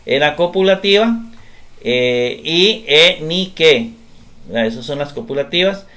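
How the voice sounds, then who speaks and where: A man lecturing on grammar at an unhurried pace, his voice sitting a little high for a man. He works through examples patiently, hesitating often and tagging his points with a questioning "¿verdad?". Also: animated, pushed and bright. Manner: explanatory, repeats tag question "¿verdad?", frequent hesitations. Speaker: grammar teacher. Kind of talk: recorded class lecture.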